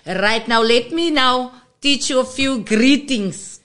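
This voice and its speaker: South African woman guest, slow, patient teacher voice, fairly high, radio lesson. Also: fairly bright tone. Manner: patient, explains and spells out letters slowly.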